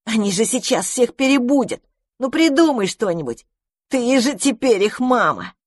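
A woman's voice: a little high, sing-song, normal speed, no room sound, clean studio sound, voice pushed up. A woman voicing a young boy mouse who is jealous and fretful, talking in a grumbling way.

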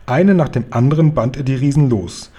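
A man reading a children's book aloud in a calm, even storytelling manner. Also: mid-range voice, fairly quick, breathy edge.

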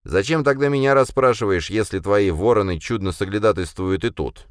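A man's voice: lowish voice, a little fast, dry recording, studio quality, voice pushed up, natural voice. A male narrator voicing a hot-headed young man who answers bitterly and sardonically.

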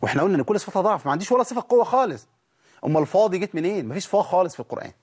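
A man with an Egyptian accent teaching Quran recitation, explaining patiently and demonstrating sounds slowly. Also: high voice, big pitch swings, husky. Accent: Egyptian Arabic. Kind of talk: recitation lesson.

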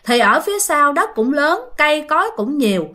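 A woman tells a ghost story in a chatty, casual way. She speaks straight to her listeners, and her fairly high voice rises and falls a lot. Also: big pitch swings, moderate pace, sharp tone. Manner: chatty, addresses listeners directly.

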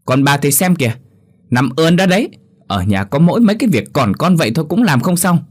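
A man voicing a spiteful young village wife, shouting shrill abuse at her family. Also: sing-song, fast. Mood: scolding.

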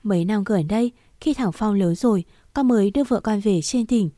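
Female storybook narrator, mellow tone, dry close mic, even read. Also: medium pitch, fairly quick, no echo.

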